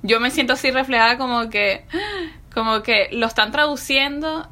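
A woman with a bright, forceful, fairly high voice talking things over casually. She speaks earnestly from personal experience and leans on fillers as she thinks aloud. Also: normal speed. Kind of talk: casual chat.

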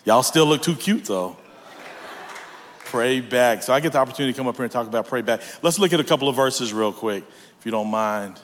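A man's voice: medium pitch, lively intonation, fast talker, fairly bright tone, long reverb tail. A man preaching a sermon, leading call-and-response and joking with the congregation.

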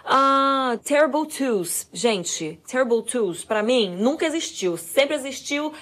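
A young woman, a mother, chatting fast and animatedly to viewers about raising her children. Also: high-pitched. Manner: fast, animated, self-described fast talker. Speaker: mother giving parenting advice. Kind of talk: casual chat to viewers.

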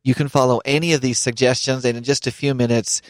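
A man's voice: medium pitch, fairly even intonation, fast talker, no echo. A man hosting a studio talk show, cheerfully reading out tips and bantering with his co-host. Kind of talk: upbeat scripted talk show. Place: radio studio. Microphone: studio microphone.

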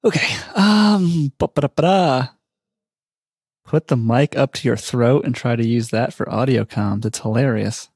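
A man's voice: medium pitch, normal speed, few pauses, a little mellow, breathy edge, no room sound, clean studio sound. Joking podcast host man. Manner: joking, steers the show along. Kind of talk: casual chat.

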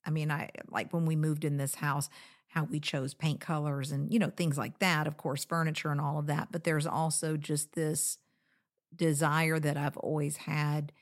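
Very low-pitched middle-aged woman, casual talk. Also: flat delivery, normal speed. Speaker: co-host of a marriage show. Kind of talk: casual reflective conversation.

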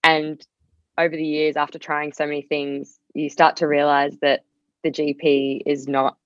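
A young Australian woman, a singer-songwriter, is a podcast guest in a casual conversational interview, speaking candidly and rambling with frequent "like"s. Her deep voice has little pitch movement and a moderate pace, and the recording is muffled with no echo.

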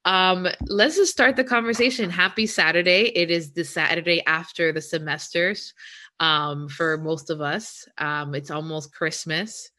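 A woman with a low voice leads a panel conversation as host. She speaks in a friendly but halting way, restarting her sentences and slipping Spanish words into her English. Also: fairly even intonation, bright, forceful tone.

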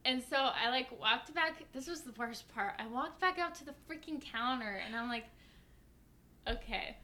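Bright-voiced young woman telling stories. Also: high voice, normal speed. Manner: lively, heavy use of "like" fillers. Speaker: guest. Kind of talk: casual storytelling.

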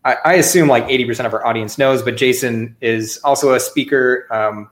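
A man with a mid-pitched voice hosts a podcast in a conversational way. His audio is strongly echoey, like a big hall, from a bare apartment room. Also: brisk. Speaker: podcast host. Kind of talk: podcast introduction and casual interview.

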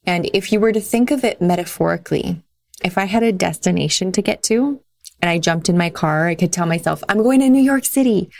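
A woman's voice: lowish voice, a little mellow. A woman hosting a solo self-help podcast, talking in an earnest, encouraging way as she gives advice. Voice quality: creaky. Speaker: podcast host.

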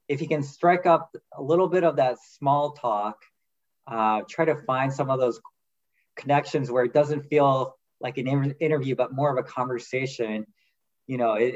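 Career coach guy asking questions, calm and encouraging, kinda dull lo-fi sound. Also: mid-range voice. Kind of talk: interview questions. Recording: dull lo-fi audio.

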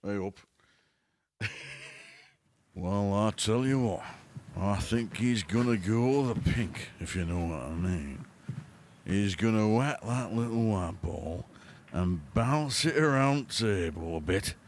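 A bawdy snooker commentator with a thick Yorkshire accent, as a man puts him on. He speaks in a lowered, gravelly-low register and slips innuendo into every call. The voice drops a notch below a plain male speaking voice, with a faint hiss of noise behind it. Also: lively intonation, slow pace, pauses often. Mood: cheeky. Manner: cheeky double-entendre, lowered voice.

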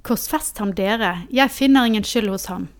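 A man voicing an anxious, imperious Roman governor in a dramatic scripture reading, with a raised, sharp, questioning manner. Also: sits high, voice pushed up. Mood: tense.

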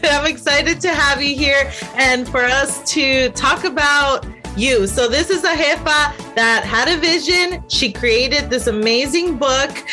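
A woman hosts a podcast interview with an upbeat, welcoming manner. Her voice sits high and bright. Faint music plays underneath. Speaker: podcast host. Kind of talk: interview hosting.

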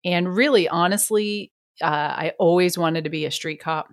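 A middle-aged woman, a retired police detective, talks through her career in a chatty, candid interview style. Her voice sits low for a woman. The recording is dry and close, with no room around it. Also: moderate pace, dry recording. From New York. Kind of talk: casual interview conversation.

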